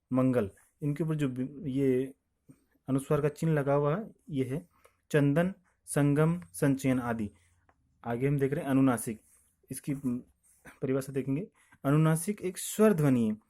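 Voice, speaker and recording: A man's voice: mid-range voice, moderate pace, dark tone. A male teacher talks a class through a grammar lesson. He explains each rule step by step, poses a question, answers it himself, and says the key point again so it sticks. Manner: repeats each point, asks then answers his own questions.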